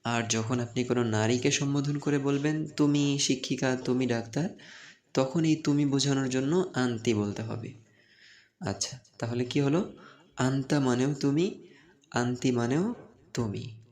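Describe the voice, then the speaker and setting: Man, language teacher, patient, encouraging, repeats words for students, mid-pitched voice. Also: measured pace, darkish tone. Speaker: Arabic teacher. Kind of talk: online language lesson.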